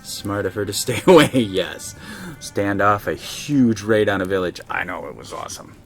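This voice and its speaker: A man streaming a game live, excitably talking to his units and chatting with viewers. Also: lowish voice, normal speed, vocal fry, soft background music. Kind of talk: live let's-play commentary.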